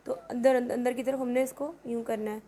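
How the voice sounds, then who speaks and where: A woman's voice: fairly high pitch, fairly even intonation, brisk, dark tone. A woman hosting a casual makeup tutorial, chatty and often checking in with "okay". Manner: chatty, repeats "theek hai" often. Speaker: makeup vlogger.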